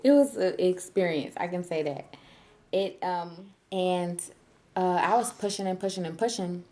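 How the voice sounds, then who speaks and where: A young woman, telling a story casually and animatedly, laughing often and acting out her own shouting. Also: lowish voice, a little slow. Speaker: new mother vlogger.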